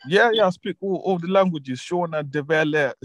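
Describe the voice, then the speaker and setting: A relaxed man in his twenties from Zimbabwe talks about his life as a musician guest. He laughs easily and repeats words as he gathers his thoughts, and his voice sounds dry and close, with no room around it. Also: on the high side, normal speed, dry recording, low-quality recording. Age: 20s. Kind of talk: casual interview chat.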